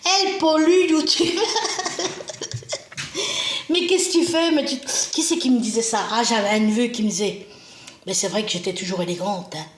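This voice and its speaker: A woman's voice: mid-range voice, normal speed, long pauses, roomy sound, a little hiss or hum. A woman chatting casually as she decorates a shelf at home, self-mocking and often laughing, speaking to a camera set a little way off. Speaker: home vlogger. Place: indoors at home.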